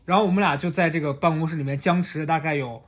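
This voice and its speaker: A podcast host in relaxed conversation, telling a long anecdote with lively delivery and frequent laughter. The voice sits at a middle pitch, neither high nor low. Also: rapid-fire. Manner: animated, laughing storyteller. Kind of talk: casual chat, storytelling.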